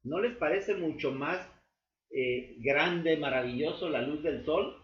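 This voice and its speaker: A man teaching a Bible study class, explaining slowly with many fillers and restatements. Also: fairly high pitch. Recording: echoey, dull room recording with faint noise.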